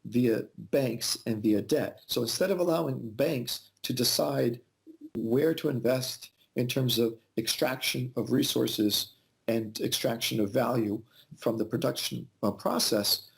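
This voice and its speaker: A man in his forties with a gravelly edge to his voice talks over a video call. He answers at a medium pitch, pausing and restarting as he works through his thoughts. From Yugoslavia, raised in the United States. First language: Albanian. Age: 40s. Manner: thoughtful, with frequent fillers and restarts. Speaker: interview guest. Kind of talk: casual interview conversation.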